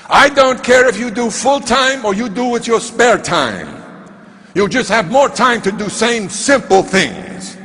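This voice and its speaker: A man on stage voicing a small, demanding male mentor who speaks in slow, clipped, broken phrases, heard in a reverberant hall. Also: high-pitched, pushed and bright, full character voice.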